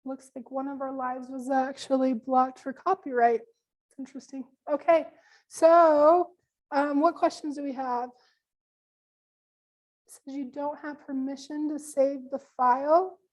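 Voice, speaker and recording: High-voiced woman presenting a workshop. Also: steady tone, unhurried, a little mellow. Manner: casual, many ums, friendly instructions. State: losing her voice. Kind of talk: live webinar workshop.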